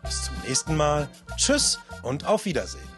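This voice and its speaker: A man teaching German word stress, slowly drilling single words one at a time. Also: on the high side, big pitch swings, over music. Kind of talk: slow, clear language lesson.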